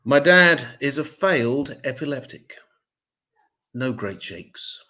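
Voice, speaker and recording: A man doing a stand-up set of one-liners, deadpan and self-mocking. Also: medium pitch, slow, highs cut off. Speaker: stand-up comedian.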